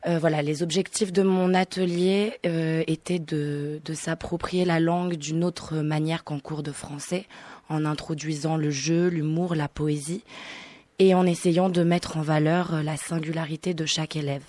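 A woman's voice: sits low, steady tone, moderate pace, mellow, no room sound. A woman who leads a writing workshop presents it on the radio, speaking hesitantly with many fillers.

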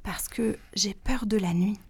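A woman voicing a timid little bat who is afraid of the dark, with a small, shy voice. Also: on the high side, moderate pace, natural voice.

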